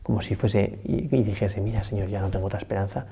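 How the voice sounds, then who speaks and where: Priest doing a morning homily, low dark husky voice, chatty, keeps asking "no?". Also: male voice, fast talker, a little hiss or hum. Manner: conversational, many rhetorical tags and restarts.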